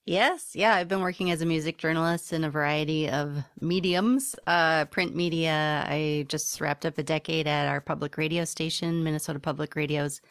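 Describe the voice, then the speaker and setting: A woman's voice: low voice, fairly even intonation, normal speed, hardly any pauses, smooth, no echo, studio quality. A woman speaking as a podcast guest in a casual interview about her work. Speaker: podcast guest, music journalist.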